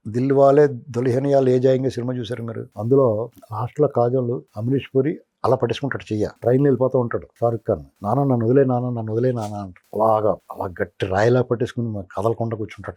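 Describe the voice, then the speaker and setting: A man's voice: mid-range voice, steady tone, quick pace, dark tone. A man giving heated political commentary as an analyst, scolding a politician directly.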